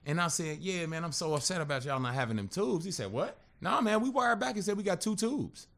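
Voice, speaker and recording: Sitting in on a podcast, a thirtysomething man recounts his own story loosely and casually, his brisk voice pitched a little high for a man. He swears freely and jumps animatedly into the voices of the people involved.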